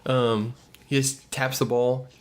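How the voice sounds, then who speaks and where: A man's voice: mid-range voice, little pitch movement, takes it slowly. A young man in casual, profane chat about a movie, retelling scenes and swearing often. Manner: swears a lot, retells scenes with quoted voices. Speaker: movie review co-host.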